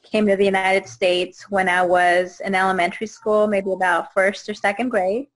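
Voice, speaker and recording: A woman in her thirties from Guatemala, a guest telling her own story on a video call, earnest and halting with many fillers and restarts. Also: medium pitch, flat delivery, poor audio. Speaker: interview guest. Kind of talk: personal testimony in a video call. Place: indoors, small room. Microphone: video call webcam.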